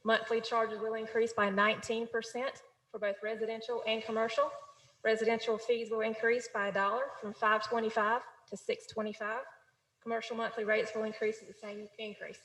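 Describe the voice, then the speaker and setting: A woman on city staff presenting a budget at a council meeting, reading out figures in a steady, businesslike way. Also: on the high side. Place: council chamber. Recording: echoey chamber with long reverb.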